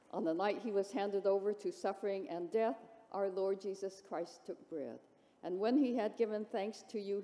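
Mellow woman reciting liturgy in cathedral echo. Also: mid-range voice. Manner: measured, reverent phrasing. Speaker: priest celebrant leading a Eucharist liturgy. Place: large church, indoors. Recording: long cathedral echo, large reverberant church.

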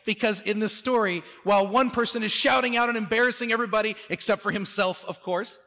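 A man preaching a sermon as pastor, earnest, moving between soft, slow stillness and loud, insistent emphasis. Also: high-pitched, big-room sound.

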